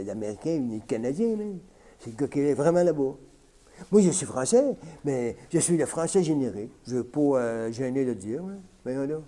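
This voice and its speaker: In a raw, unedited vlog filmed at home, a Québécois vlogger smokes and rambles, leaning on fillers such as "hein" and "man." He has a fairly high-pitched voice with a dark tone.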